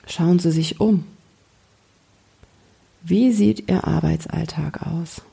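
A woman coach leading a guided relaxation in a slow, soothing, gentle way. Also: low voice, creaky, slightly rough. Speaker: coach and podcast host.

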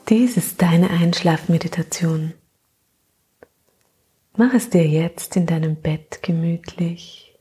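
Woman, soothing sleep-story style narration, hushed, mellow, lowish pitch, slow gentle phrasing. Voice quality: hushed, breathy, half-whispered. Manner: calm, gentle pauses between phrases. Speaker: guided meditation narrator and podcast host.

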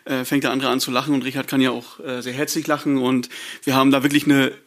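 A man, a fan radio commentator, reminiscing casually in a hesitant, halting way. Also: mid-range voice, level tone, fairly bright tone.

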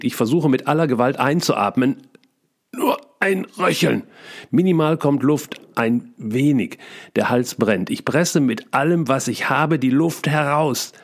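A man reading his own memoir aloud in short, clipped first-person sentences, calm and steady. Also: medium pitch. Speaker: author reading his book.

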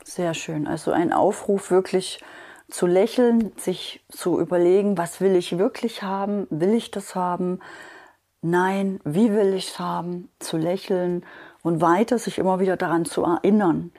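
A woman interviewing a guest, summing up his points and agreeing often. Her voice sits on the low side and sounds mellow and somewhat husky. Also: steady tone, measured pace. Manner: affirming and summarizing, with frequent agreement. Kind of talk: conversational interview.

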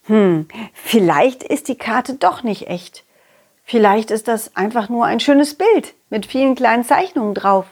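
Here the same excitable dog character, played by a woman in a high, animated voice, sounds excited and curious. Her delivery is measured, slightly rough and heavily acted, full of giggly, childlike glee as she tells stories directly to the children listening.

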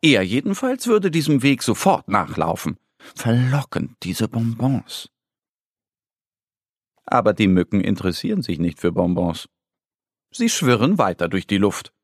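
Slow, lively man reading a children's story. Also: fairly low pitch, dry recording, clean studio sound. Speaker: narrator.

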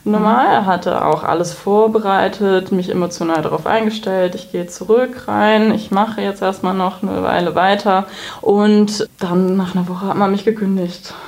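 A woman in her thirties, a guest in a relaxed interview, telling her story openly and candidly with frequent restarts. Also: mid-range voice, normal speed, gravelly. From Germany. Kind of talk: conversational interview.

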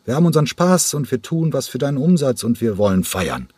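A man's voice: medium pitch, very animated, quick pace, a little mellow, slightly rough, no room sound, voice pushed up. A man voicing a rowdy, party-loving bar regular who protests in an indignant, boisterous way.

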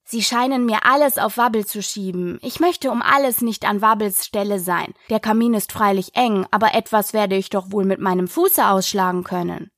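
A woman's voice: medium pitch, steady tone, normal speed, few pauses, dry recording, clean studio sound, close to an everyday voice. A woman reading aloud and voicing a curious, polite young girl who thinks aloud. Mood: musing. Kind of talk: audiobook character voice.

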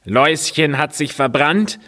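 A man voicing a small anxious talking broom in a storybook reading, with a high singsong lament. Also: expressive, a little slow, pushed and bright, full character voice.

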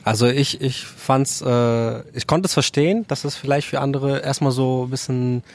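A man, a student, interviewing his lecturer in a relaxed, casual way. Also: medium pitch, moderate pace. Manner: relaxed, loose phrasing.

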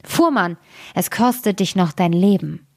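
A woman reading a fairy tale aloud, voicing a bold, vengeful male sparrow in a high, sharp, taunting tone. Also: unhurried, dry recording, clean studio sound. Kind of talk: storybook reading.

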